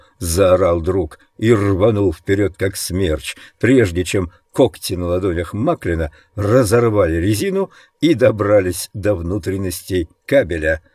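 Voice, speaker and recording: A man reading a dark novel aloud as a measured, grave audiobook narrator. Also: low-pitched, dry recording, clean studio sound. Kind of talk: scripted dramatic narration.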